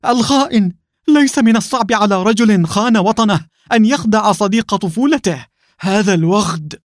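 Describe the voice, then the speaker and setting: A man's voice: high voice, normal speed, no room sound, clean studio sound, voice pushed up, lightly acted. A man reading aloud, voicing a cunning male secret agent who feigns shock and anger with theatrical flair. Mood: feigned rage. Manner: calm, then feigned shock and outrage.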